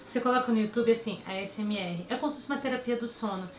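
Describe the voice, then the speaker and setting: A young Brazilian woman talks straight to her viewers in a chatty, playful way. Her voice sits a little high. The room echoes, with faint music under her. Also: fast. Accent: Brazilian Portuguese. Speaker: vlogger. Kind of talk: casual vlog chat.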